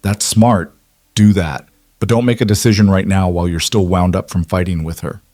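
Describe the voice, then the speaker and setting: A man voicing a calm, firm, successful woman in an audiobook, speaking steadily. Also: low-pitched, normal speed, dry recording, studio quality, lightly acted. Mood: steady. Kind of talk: scripted audiobook narration.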